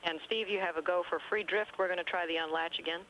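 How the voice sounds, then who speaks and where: A woman's voice: lowish voice, steady tone, fast, fairly bright tone, poor audio. A woman working as a mission control communicator, giving clipped, procedural space-to-ground calls over a radio link. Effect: radio transmission.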